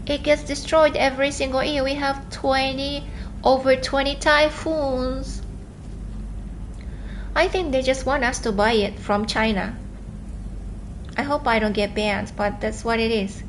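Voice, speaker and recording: A Japanese woman with a Japanese accent chats casually on a home live stream, reading and answering viewer comments. She talks fast and earnestly, often stopping and restarting. Her voice sits high with a steady tone, over slight background noise.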